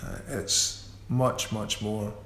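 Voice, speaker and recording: A musician guesting on a radio interview stammers, repeating sounds and restarting as he speaks slowly and thoughtfully. His voice is fairly low and flat, recorded in an echoey room with faint ambient noise.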